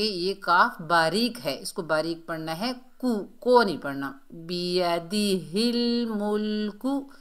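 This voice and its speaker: A woman's voice: fairly low pitch, bright, forceful tone. A woman teaching Quran recitation rules. She explains patiently and corrects common mistakes. She drags out model syllables and repeats them several times. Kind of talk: slow step-by-step recitation lesson.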